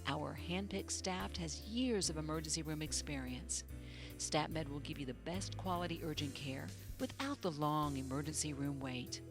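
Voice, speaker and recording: A woman narrating a scripted promotional infomercial in a polished, measured sales-pitch manner. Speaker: commercial voice-over announcer. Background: music bed.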